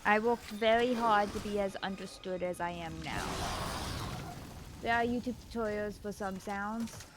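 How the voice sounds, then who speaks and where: A woman's voice: mid-range voice, normal speed, background noise. Woman who says W for R. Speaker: guest on a game stream. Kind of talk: casual chat during a game stream.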